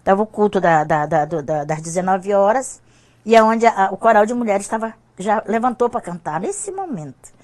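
A woman's voice: medium pitch, lively intonation, moderate pace, a little mellow. An older woman giving an emotional personal testimony as a guest on a church talk show. She often repeats herself, and her voice rises when she is moved.

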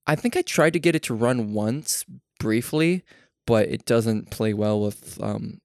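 A man's voice: on the low side, measured pace, creaky, darkish tone, dry recording, clean studio sound. A young man co-hosting a casual podcast chat, rambling enthusiastically about collectibles and laughing at himself. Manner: rambling, enthusiastic, self-deprecating, laughs often. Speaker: podcast co-host.

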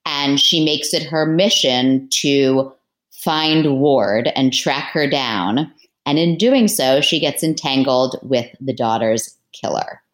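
A woman with a low, deep voice talks casually as a guest on a podcast, chatty and quick to laugh. Her voice carries the echo of a roomy space. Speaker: author guest.

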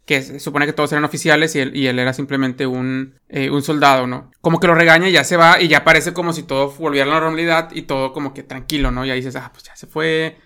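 Bright-voiced Mexican man, rambling film chat. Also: on the high side, fairly even intonation, fast talker, hardly any pauses, clean tone. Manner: rambling, many fillers and tag questions. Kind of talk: casual film discussion.

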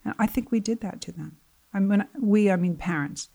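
A woman's voice: medium pitch, a little fast, vocal fry. A middle-aged woman guesting as a life coach, talking earnestly in a conversational interview, her voice tiring. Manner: earnest, animated when quoting others. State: voice getting tired.

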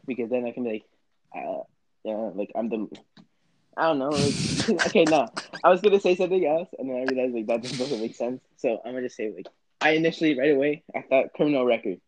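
A man's voice: medium pitch, lively intonation, fast, background noise. A teenage guy hosting a casual video-call chat with friends, teasing and laughing often. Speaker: host.

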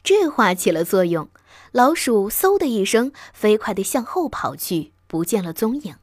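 A woman reading a bedtime story aloud with expressive, lively narration. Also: mid-range voice, moderate pace, no echo, clean studio sound.

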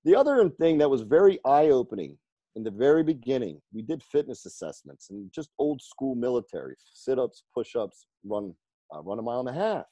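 Guy coaching firefighters telling stories, pitch jumps all over, laughs a lot. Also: breathy edge, no room sound. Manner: animated, laughs often, acts out quoted people. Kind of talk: storytelling in a conversational interview.

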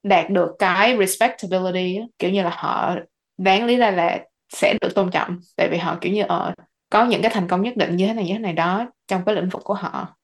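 A US-based woman co-hosts a casual book podcast, speaking fairly quickly in a lowish voice. Her talk is chatty, full of fillers, and sprinkled with English words.

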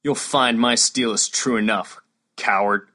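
A man's voice: mid-range voice, fairly even intonation, measured pace, sharp tone. An actor playing Max, a brave young male squire, earnest and determined. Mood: defiant.

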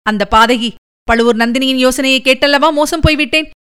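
A woman's voice: sits high, fairly quick, fairly bright tone, clear, resonant tone. A woman reading the part of a grief-stricken young noblewoman in an audiobook, pleading and tearful.

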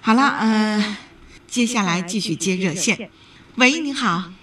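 A woman's voice: medium pitch, animated, measured pace, a bit bright, recorded from a distance. A woman hosting a call-in advice show, lecturing callers firmly and raising her voice to get through to them. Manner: firm, lecturing, raises her voice. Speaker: radio advice host.

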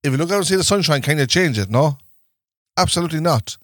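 A man's voice: on the high side, animated, fast, a bit bright, no room sound, clean studio sound. An Irish man co-hosting a podcast in casual comedic chat, laughing often and putting on a mock newsreader voice. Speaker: podcast co-host.

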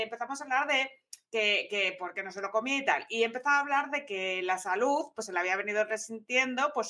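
A woman's voice: a little high, sharp tone. A woman hosting a podcast, joking and teasing her guest in casual chat. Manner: joking, teasing, laughs often. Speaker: podcast host.

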